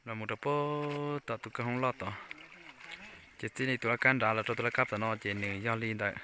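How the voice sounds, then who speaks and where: A man's voice: medium pitch, steady tone, quick pace, bright, forceful tone, a little hiss or hum. A man vlogging outdoors near a stream, chatting casually as he explains what he is doing. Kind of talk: casual talk while working.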